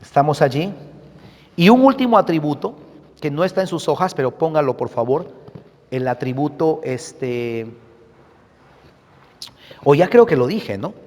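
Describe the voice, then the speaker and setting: A man's voice: fairly high pitch, animated, a little slow, pauses often, a little mellow. A man preaching a sermon as pastor, speaking emphatically and checking in with his congregation through questions. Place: church. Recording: long reverb of a church hall.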